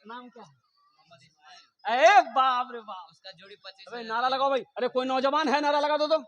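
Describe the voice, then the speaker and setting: A man's voice: extremely high pitch, fairly even intonation, moderate pace, fairly bright tone, reverberant. A man with a Bengali accent preaching a humorous, exhorting fundraising sermon at a religious gathering, calling on the crowd. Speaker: maulana preacher.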